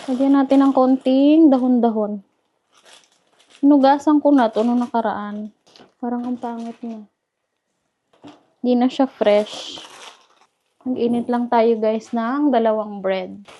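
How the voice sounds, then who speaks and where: A woman's voice: on the high side, fairly even intonation, unhurried, long pauses, highs cut off. A Filipino woman with a Filipino accent chatting casually to her viewers while cooking in her home kitchen, often calling them guys. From Philippines. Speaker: vlogger. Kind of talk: casual chat to camera.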